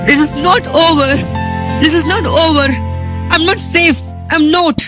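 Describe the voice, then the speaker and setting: A woman's voice: very high voice, steady tone, unhurried, music in the background. A woman acting a fearful, commanding usurper king in an amateur stage drama. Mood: terrified.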